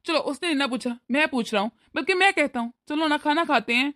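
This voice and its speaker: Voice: high voice, a little fast, sharp tone, no room sound, studio quality. A voice actor playing a weary, peacemaking older father-in-law in a cartoon, pleading with his wife. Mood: soothing. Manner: pleading, soothing. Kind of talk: cartoon voice acting.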